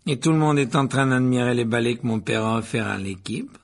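A man's voice: medium pitch, steady tone, fairly quick, creaky. Malfoy, a man doing a sneering haughty schoolboy. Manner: drawling, mocking. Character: haughty sneering teenage boy wizard.

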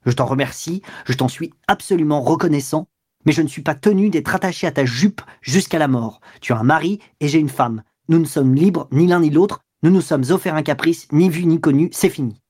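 A reader doing a curt, scornful lover. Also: male voice, fairly high pitch, a little fast, a little mellow, husky, dry recording, clean studio sound. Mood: harsh. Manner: brusque, sneering. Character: curt, scornful young man, a cynical lover.

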